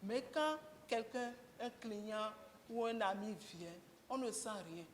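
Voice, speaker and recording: A woman speaks slowly and candidly, in a gently humorous, conversational way. Her voice carries a long reverb from the event room, and a faint ambience sits underneath. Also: on the high side, slight background noise. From Benin. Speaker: guest speaker, mechanic and garage co-owner. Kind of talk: candid talk to a breakfast audience.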